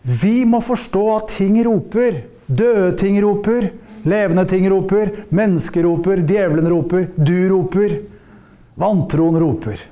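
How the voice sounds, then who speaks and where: A man from Norway preaches to a Bible school class with a high voice. His tone stays dark and mellow. He teaches in a lively way and often acts out small dialogues. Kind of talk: preaching lecture.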